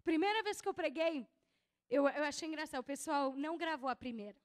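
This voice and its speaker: A woman's voice: sits high, brisk. A young woman preaching a sermon in a casual, self-deprecating storytelling way, often acting out what others said. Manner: quotes others in lively acted asides.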